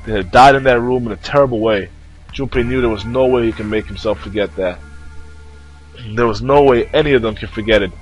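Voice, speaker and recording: A man's voice: medium pitch, brisk, dull audio, faint music behind. A young man playing through a video game, reading its text aloud with crude joking asides. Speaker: let's player.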